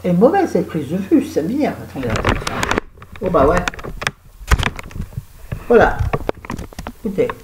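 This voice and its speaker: A woman's voice: lowish voice, big pitch swings, measured pace, long pauses, background noise. A French woman with a cold and a sore throat, chatting to her viewers in a rambling, self-mocking vlog at home. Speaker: vlogger. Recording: echoey room.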